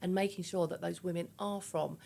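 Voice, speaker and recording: Low, creaky woman, candid and chatty. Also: steady tone, a little fast, warm tone, a little hiss or hum. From East London, England. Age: 50s. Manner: candid, chatty, emphatic, illustrates points with quoted self-talk. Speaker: interview guest, business founder. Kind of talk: conversational podcast interview.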